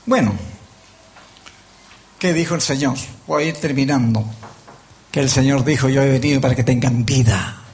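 A man's voice: medium pitch, moderate pace, long pauses, darkish tone, slight background noise. An older man with a Chilean accent preaching a sermon, telling folksy stories and acting out the voices in them. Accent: Chilean Spanish. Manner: folksy storytelling, acts out voices. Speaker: lay preacher.

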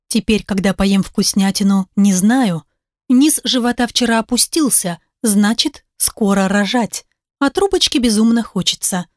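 Higher-pitched woman narrating an audiobook. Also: dry recording, clean studio sound. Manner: lively, expressive storytelling with voiced dialogue. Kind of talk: first-person audiobook narration.

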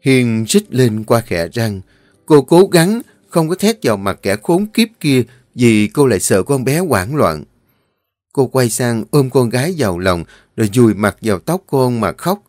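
A man narrating a dramatic audio story in a steady, earnest storytelling voice. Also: medium pitch, no echo. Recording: dry close voice, faint music.

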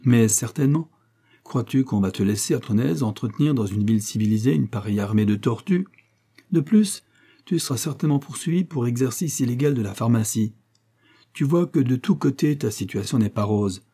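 A man's voice: mid-range voice, lively intonation, fairly quick, warm tone, husky. A man reading an audiobook and voicing a level-headed young male engineer who teases and scolds his servant. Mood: scolding. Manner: teasing and scolding.

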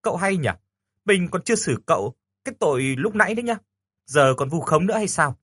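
A man doing a shrill scolding teenage girl. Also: sing-song, brisk, a bit bright, husky, dry recording, heavily acted. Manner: squeals and scolds in outbursts. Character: shrill bossy teenage girl, quick to shout.

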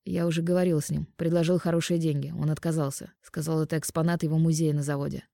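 A woman's voice: low-pitched, little pitch movement, fast talker, gravelly, mellow, no room sound, studio quality. A woman voicing a pushy young man who haggles, in an audiobook reading. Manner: pushy, wheedling bargaining. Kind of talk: audiobook narration.

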